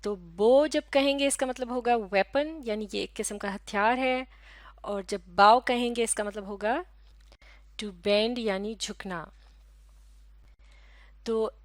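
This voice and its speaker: Woman, measured phonetics teacher, clean close sound, no room. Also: mid-range voice, no room sound. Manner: measured, methodical, self-correcting. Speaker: English pronunciation teacher. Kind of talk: explanatory lesson on phonetics.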